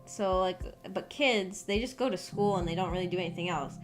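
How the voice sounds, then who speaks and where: With background music playing under her voice, a young woman VTuber rambles through a casual livestream chat with viewers. She sounds hesitant and informal, speaking fairly quickly at a fairly low pitch.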